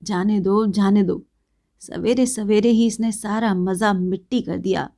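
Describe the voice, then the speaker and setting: A woman voicing a drunken man who taunts in a drawn-out, mocking way, from a read-aloud story. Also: medium pitch, steady tone, warm tone, close to an everyday voice.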